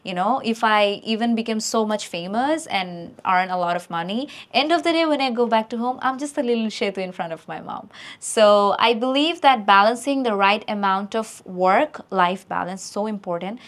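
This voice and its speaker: A woman's voice: medium pitch, expressive, very slow. A woman, an actress, answering speaking-test questions in an earnest, rambling, heartfelt way.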